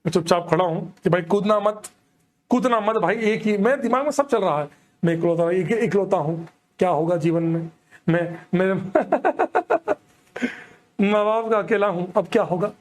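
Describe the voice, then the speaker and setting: A young man, telling a comic story in an animated way and keeping checking that the audience follows. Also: high-pitched, a little slow. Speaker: stand-up comedian. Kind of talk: storytelling comedy.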